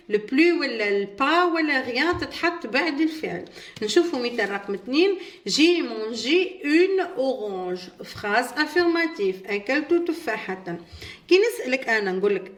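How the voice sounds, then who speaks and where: An Algerian woman teaching a French grammar lesson to primary pupils, dictating French sentences slowly and correcting herself. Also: sits high, a bit bright. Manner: slow, deliberate French dictation with self-corrections.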